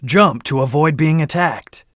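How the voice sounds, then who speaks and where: An actor playing a brooding, cocky hedgehog antihero in a video game, speaking in a terse, stern, commanding manner. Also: male voice, fairly high pitch, a little slow, a bit bright, no echo, studio quality. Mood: focused, instructive. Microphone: close, dry studio recording.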